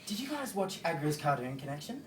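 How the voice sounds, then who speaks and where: A man's voice: fairly high pitch, big pitch swings, a little fast. An Australian man doing a stand-up comedy set, telling a rambling story loosely, with fillers and swearing. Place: comedy venue stage. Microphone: phone recording from the audience. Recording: roomy, distant phone recording with faint noise.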